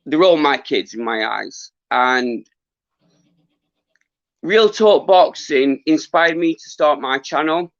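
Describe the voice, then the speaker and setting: A middle-aged man who is losing his voice, chatting casually to viewers on a livestream in an earnest, halting, rambling way. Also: medium pitch, fairly bright tone, dry recording. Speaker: livestream host, former boxer. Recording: dull lo-fi livestream audio.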